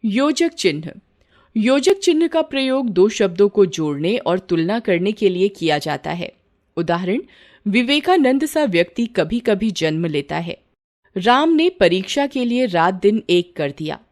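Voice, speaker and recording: A woman reading a school grammar lesson aloud in a measured way, voicing the examples with varied intonation. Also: mid-range voice, animated, a little mellow.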